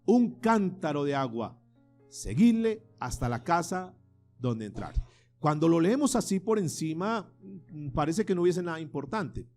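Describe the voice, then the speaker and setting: A man's voice: fairly high pitch, lively intonation, unhurried, darkish tone, faint music behind. A man preaching a sermon as pastor, asking the congregation questions and having them repeat phrases after him. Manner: preaching with rhetorical questions and call-and-response.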